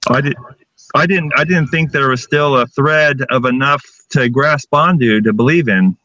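A middle-aged man debating over a video call, making his case point by point in a steady way. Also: medium pitch, moderate pace, lo-fi sound, a little hiss or hum. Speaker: atheist debater. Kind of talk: casual debate.

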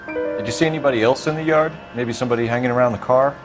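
An actor playing an earnest, formal 1940s American police detective in a video game. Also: male voice, mid-range voice, racing, natural voice. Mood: questioning, firm. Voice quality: formal, businesslike. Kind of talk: period detective game acting. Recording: music behind.

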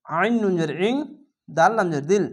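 Bangladeshi man, Quran teacher, slow patient syllable-by-syllable spelling lesson, drawn-out recitation. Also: high voice. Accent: Bangladeshi Bengali.

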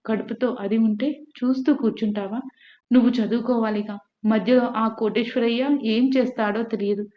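Angry bitter mom stuck in bed, woman reading her, loud scolding, echoey dull sound. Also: on the high side, lightly acted. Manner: shouting, scolding. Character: bedridden mother, furious and bitter.

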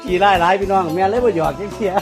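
A woman's voice: medium pitch, steady tone, very fast. A woman with an Isan accent hosting a joking, slapstick-style interview. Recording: music behind the voice.

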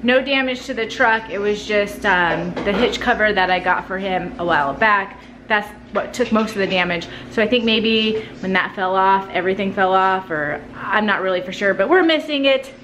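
A woman's voice: medium pitch, normal speed, fairly bright tone, a little hiss or hum. A woman in her thirties chatting casually to the camera for a family vlog, rambling with fillers while running errands. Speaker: family vlogger.

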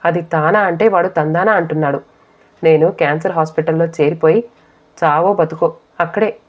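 A woman's voice: low-pitched, moderate pace. Woman voicing a grieving elderly mother. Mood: sorrowful. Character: ailing elderly mother, sorrowful and resigned. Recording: dull lo-fi audio.

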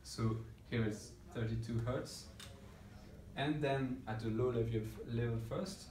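An audio engineer, a man in his thirties, describes a measurement process in an informal, hesitant way, stopping to find words. His mid-range voice is a bit mellow, with fairly even intonation and a measured pace. The listening room with loudspeakers lends roomy echo and background room noise.

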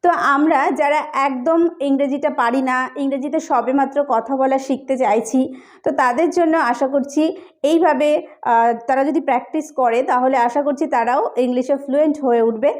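A woman with a Bengali accent teaching beginner spoken English, slowly repeating each short phrase for learners to practise. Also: sits high, steady tone. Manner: slow, carefully drilled repetition of phrases.

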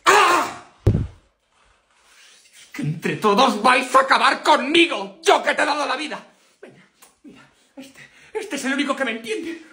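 A woman's voice: high voice, animated, moderate pace, pushed and bright. A woman with a Spain Spanish accent voicing a nagging, dramatic, overprotective mother.

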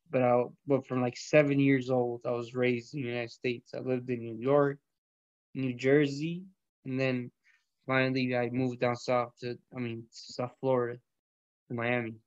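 A man's voice: medium pitch, smooth, no echo, lo-fi sound. A young man from Colombia hosting an online audio room, chatting casually about food and math in loose slang peppered with swearing. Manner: laid-back, profane slang with bro and yo. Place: small indoor room.

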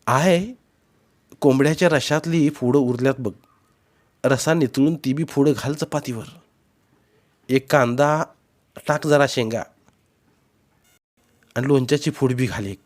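An eager, helpful young village girl, put on by a male narrator in a storybook, her voice lifted higher and brighter than his own. She chatters along in rustic speech. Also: unhurried, long pauses, close to an everyday voice.

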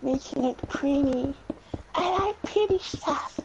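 Young man doing a squeaky gushing falsetto, drawn-out and giddy, dull hissy stream audio. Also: lively intonation, heavily acted.

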